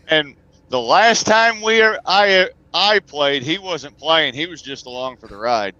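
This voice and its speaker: A man's voice: a little high, lively intonation, takes it slowly, sharp tone, no room sound, muffled recording. A man, a truck driver, telling stories as a guest in a casual, folksy, joking way. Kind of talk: casual conversation, storytelling.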